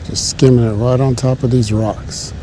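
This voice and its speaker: A man's voice: mid-range voice, steady tone, moderate pace. A man fishing from a pond bank with his son, chatting casually in short offhand remarks, recorded on a chest-mounted action camera outdoors. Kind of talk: casual chat. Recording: loud wind and outdoor noise.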